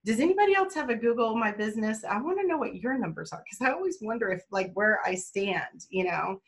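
A woman's voice: a little high, lively intonation, brisk. Woman, guest on a video call, chatty and rambling, laughs easily. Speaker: mobile notary guest speaker. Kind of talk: excited casual webinar talk.

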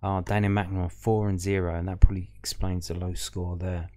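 Speaking fairly quickly in a low, dark voice with flat delivery, this fan podcast host casually reviews football match stats on screen. He thinks aloud over the stats table in a musing way.

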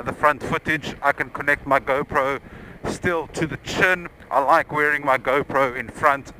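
A man's voice: fairly high pitch, noisy background. A middle-aged man reviewing his motorcycle gear while talking inside a closed helmet, explaining step by step and repeating points for emphasis. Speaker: motorcycle vlogger. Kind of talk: casual product review.

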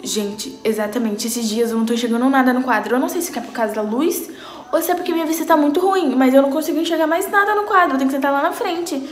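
A teenage girl chatting casually as she reacts to memes, playful and dramatic, jumping into high squeals. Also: fast. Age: teens. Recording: roomy echo.

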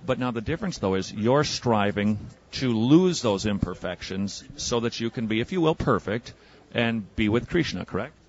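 A man debating religion on the street as an evangelist and radio host, pressing with quick probing questions. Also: mid-range voice, lively intonation, highs cut off. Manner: probing, rapid-fire questioning. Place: outdoors on a city street.

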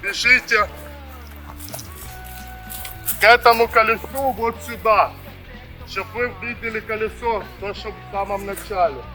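A man's voice: high-pitched, steady tone, normal speed, sharp tone, soft background music. A man instructing a group in exercises, explaining the drills in informal, practical language. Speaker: fitness instructor.

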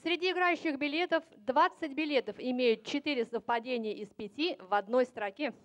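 A woman's voice: high voice, normal speed. A woman working as a lottery show announcer, calling out numbers and results like a bingo caller. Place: TV game show studio.

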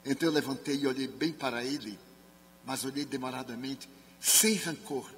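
A man of middle pitch, a Spiritist speaker from Brazil, tells a personal story to a seminar audience in dramatic style. His voice carries the long reverb of a large hall, with a faint hum underneath. He sinks to near-whispers when he quotes others. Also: moderate pace. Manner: dramatic storytelling, dropping to soft murmurs when quoting others. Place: large sports and culture hall.

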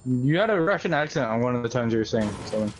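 A man's voice: mid-range voice, animated, rapid-fire, a little hiss or hum. A man gamer in casual voice chat, blunt and teasing, swearing often. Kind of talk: casual voice chat while gaming.

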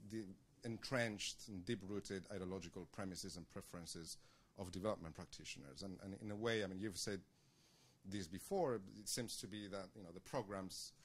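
A man in the audience asking academic questions at a panel discussion in a large conference room, measured with hesitant restarts. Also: lowish voice.

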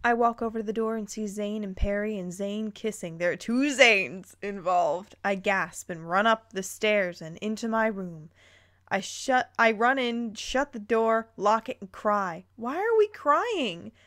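In a mid-range, slightly bright voice, a woman gives an animated, measured reading of fan fiction. She's the host, and she keeps interrupting with playful disbelief at what she's reading.

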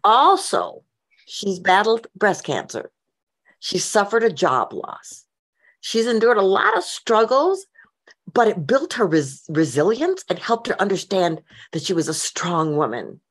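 A woman's voice: medium pitch, sing-song, measured pace, slightly rough. A woman hosting a podcast interview, introducing her guest with upbeat enthusiasm. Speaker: host.

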